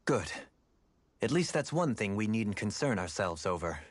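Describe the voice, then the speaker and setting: Composed, low-voiced gentleman adviser. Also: big pitch swings, slightly rough, dry recording. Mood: composed, pensive. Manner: measured, formal, old-fashioned phrasing. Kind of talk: video game voice acting.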